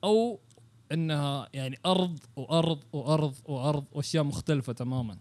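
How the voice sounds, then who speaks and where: A man's voice: on the high side, fast talker, darkish tone. A Saudi man chatting casually and thinking aloud, dropping English words and phrases into his Arabic. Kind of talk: casual, musing chat.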